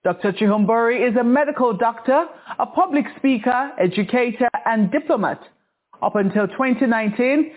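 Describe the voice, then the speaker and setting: A male TV host with a high voice introduces his guest in a measured, courteous tone. His speech sounds thin and tinny, as if relayed down a phone line. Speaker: TV talk show host. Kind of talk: scripted interview introduction and questions. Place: TV studio.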